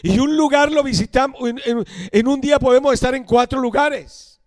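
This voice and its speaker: An older man from Colombia preaching a sermon as a missionary, emphatic, slowing and dropping to a hush on key phrases. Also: very high-pitched, dry recording.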